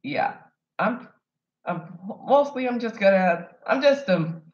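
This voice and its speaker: A Kenyan vlogger with a high-pitched, lively voice talks slowly and enthusiastically to the camera in a casual movie review. An emphatic fan, he rambles and now and then wanders off his point. The recording is echoey, with dull lo-fi sound.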